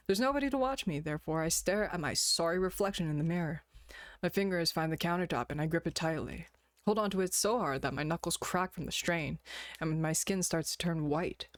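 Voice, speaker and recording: A woman's voice: fairly low pitch, no echo, clean studio sound. A woman streamer reading a visual novel aloud and joking between passages. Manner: playful, giggly asides. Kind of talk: reading a game aloud and commenting. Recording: background game music.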